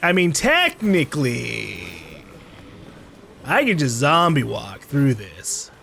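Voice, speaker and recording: A man's voice: mid-range voice, huge pitch swings, takes it slowly, creaky, pushed and bright, slight background noise. A man giving casual let's play commentary in a playful way, calling out to the game's characters. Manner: playful, calls out to game characters. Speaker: gaming YouTuber, let's play host.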